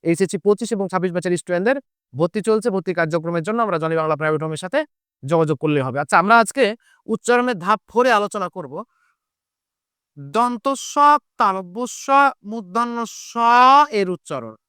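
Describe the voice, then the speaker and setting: Smooth-voiced man from Chapainawabganj teaching. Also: sits high, lively intonation, rapid-fire, a bit bright, no echo, clean studio sound. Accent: Chapainawabganj Bengali. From Chapainawabganj, Bangladesh. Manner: repeats key points, asks and answers own questions. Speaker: Bengali teacher. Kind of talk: online grammar lesson.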